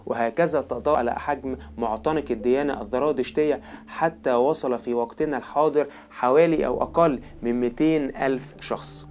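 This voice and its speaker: A man's voice: mid-range voice, a little mellow, a little hiss or hum. A man with an Egyptian Arabic accent explaining religious history in a chatty, step-by-step way, asking himself rhetorical questions. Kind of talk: casual educational narration.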